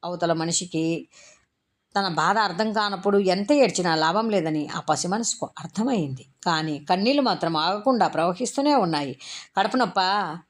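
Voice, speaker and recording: Woman reading a story, slightly low voice. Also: lively intonation. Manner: measured, literary reading. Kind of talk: storybook narration.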